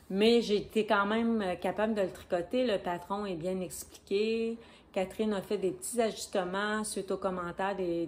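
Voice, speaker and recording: A woman's voice: medium pitch, a little mellow. Woman, Québécois French accent, casual knitting vlog host, rambling chat, faint background noise. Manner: chatty, rambling, self-correcting, glances at notes. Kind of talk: casual video podcast talk. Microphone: camera on a stand.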